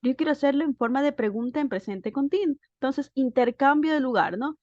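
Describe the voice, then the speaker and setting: She has a high voice and talks a little quickly, recorded dry as a voice-over for a slide-based grammar lesson. As an English teacher, she explains in steps and patiently checks in with questions, and the recording itself sounds dull and lo-fi.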